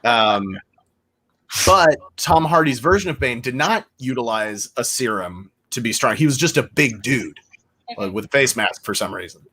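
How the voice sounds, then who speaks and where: A middle-aged man chats in a loose, rambling way, full of fillers and restarts, as he hosts a group podcast. His voice sits at a plain middle pitch. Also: animated, moderate pace, pushed and bright, breathy edge. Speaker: podcast host. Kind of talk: casual group chat.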